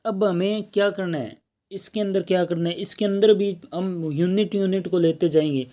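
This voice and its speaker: A man's voice: high voice, steady tone, moderate pace, mellow. A man teaching an exam-prep math lesson, explaining step by step and checking in often.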